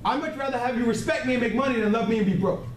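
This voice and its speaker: Speaking with an extremely high pitch and very fast, the trainer pushes his motivational sales seminar with blunt emphasis. He repeats key words and often checks in with the live group, heard through a distant mic in an echoey indoor room with faint noise.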